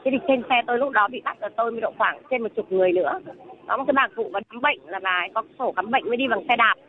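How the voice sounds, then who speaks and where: Over a tinny, faintly noisy phone connection, a Vung Tau woman from southern Vietnam rushes through her protest story, agitated and wandering off track. Her pitch is fairly high and her delivery very fast. It's a phone interview.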